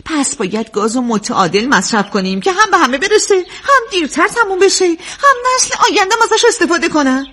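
A woman's voice: sits high, hardly any pauses, full character voice. An actress playing an exasperated young wife who scolds and lectures her husband in a radio drama. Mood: lecturing. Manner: complaining, lively, lecturing. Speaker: housewife character.

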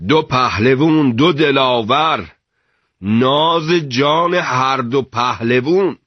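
A man voicing a fervent male chanter of a traditional wrestling house, reciting verse in a slow rhythmic chant. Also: medium pitch, no echo, dull audio, voice pushed up, lightly acted.

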